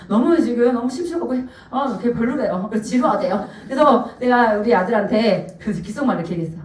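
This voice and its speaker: A middle-aged woman with a fairly high voice tells lively personal stories at a parent seminar, laughing often and addressing the audience directly. She is heard from some distance in a roomy, echoing hall. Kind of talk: live lecture with personal stories. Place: live event hall. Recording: echoey hall, distant mic.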